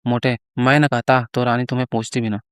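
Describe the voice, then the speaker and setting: A man's voice: medium pitch, level tone, fairly quick, clean tone, no echo, lightly acted. A man doing boastful greedy priest Moteram. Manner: boastful, coaxing.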